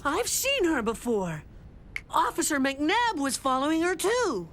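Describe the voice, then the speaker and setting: A woman voicing an earnest, self-important young boy playing detective in an animated cartoon. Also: sits high, unhurried, a little hiss or hum, heavily acted. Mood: confident. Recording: loud music behind the voice.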